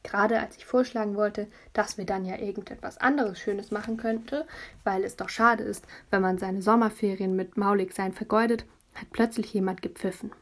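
A woman narrating a children's audiobook in a lively storytelling voice, telling it as a child would. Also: mid-range voice, moderate pace.

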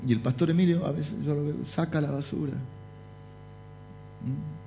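Animated Rioplatense preacher man, lo-fi. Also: on the high side, normal speed, slight background noise. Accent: Rioplatense Spanish. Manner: animated storytelling with jokes and asides. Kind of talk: humorous sermon anecdotes. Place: church. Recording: dull lo-fi sound with faint music.

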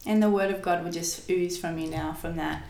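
A woman's voice: lowish voice, fairly even intonation, fairly quick, a little mellow, slight background noise. A woman co-hosting a casual chat, speaking in an affirming, encouraging way. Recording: roomy, echoing sound.

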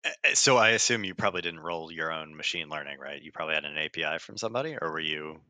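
Male podcast host, very low bright voice, chatty questioner. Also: quick pace, dry recording. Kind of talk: casual podcast interview.

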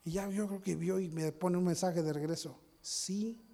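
A man preaching a sermon as a pastor, telling stories, acting out what people said and building to loud peaks. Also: high-pitched, fairly even intonation, moderate pace. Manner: storytelling, acts out quotes, rises to shouting peaks.

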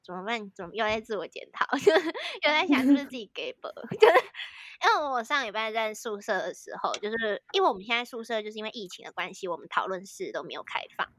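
A woman's voice: medium pitch, big pitch swings, quick pace, a bit bright. A young woman from Taiwan with a Taiwanese Mandarin accent, co-hosting a podcast and telling a story in casual chat, full of fillers as she strings sentences together. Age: young adult. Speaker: podcast co-host, student in Korea.

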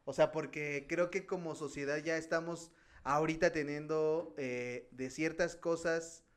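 A man with a Mexican Spanish accent, chatting casually and telling stories with slang and animated asides. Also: on the high side, measured pace. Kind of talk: casual podcast chat.

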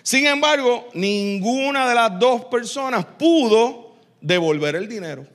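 Pastor guy, pretty high voice, jokey sermon, teasing the church crowd. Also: lively intonation, fairly bright tone. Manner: playful, teasing, quick asides to the congregation. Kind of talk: lively joking sermon.

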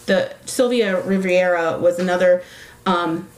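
A woman's voice: on the low side, a little slow. Chatty woman in a roomy space. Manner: rambling, with frequent fillers and self-corrections. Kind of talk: casual chat.

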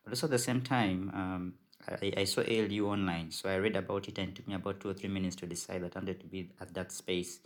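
A man's voice: sits low, fairly even intonation, fast. A man with a Ugandan accent, introducing himself in a formal, detailed way. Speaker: podcast team lead. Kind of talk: self-introduction.

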